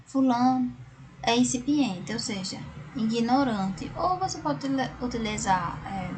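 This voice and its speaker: A woman's voice: on the high side, lively intonation, a little slow, noisy background. A Brazilian woman teaching a recorded class, explaining word by word and often checking in with tag questions. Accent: Brazilian Portuguese.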